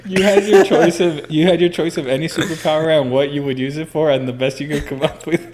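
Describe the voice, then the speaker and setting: A man's voice: a little high, steady tone, fairly quick, a little mellow. A man in casual podcast banter who teases the others sarcastically and swears a lot. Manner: teasing, profane, sarcastic. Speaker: podcast co-host.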